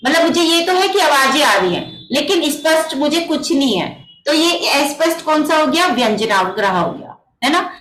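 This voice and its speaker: A woman's voice: sits high, a bit bright, reverberant, rough recording. A woman teaching a religious text class over a video call, patiently explaining each point step by step and asking rhetorical questions. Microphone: computer mic on a video call.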